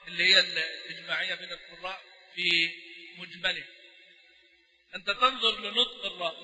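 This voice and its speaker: A male Quran recitation teacher giving a classroom lecture on a poem, often prompting his students with quick questions. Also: high voice, sharp tone. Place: mosque recitation hall. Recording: echoey hall reverb.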